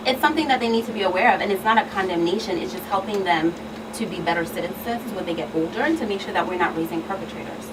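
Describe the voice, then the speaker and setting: Speaking fast in a medium-pitched voice, a woman in her thirties serves as a guest expert on an earnest talk show panel, drawing on everyday examples. The mic is distant and the room is clearly noisy.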